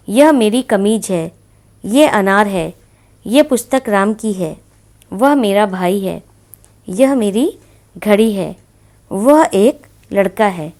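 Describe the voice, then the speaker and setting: A woman's voice: mid-range voice, darkish tone. A woman teacher giving a grammar lesson to children, patiently explaining with many repeated examples. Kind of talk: classroom-style grammar lesson.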